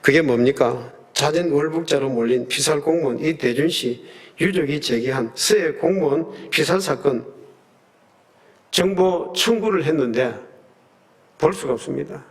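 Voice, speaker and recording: A male pastor delivering a sermon in a church, pitched a little higher than most men. He tells the story earnestly and with emphasis, acting out the quoted lines. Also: a little slow. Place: church sanctuary.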